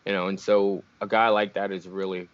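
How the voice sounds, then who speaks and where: Speaking low and a bit quickly with a clean tone, this young Virginia man is a bare-knuckle fighter guesting on a video call. His manner is casual and easygoing, full of laughter, though the dry call audio sounds muffled.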